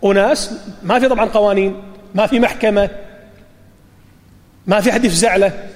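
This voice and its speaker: A man preaching in a high voice. He retells a story dramatically, lifting his voice toward near shouts on the quoted cries. Long reverb trails every phrase. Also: steady tone, fairly quick. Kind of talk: sermon storytelling.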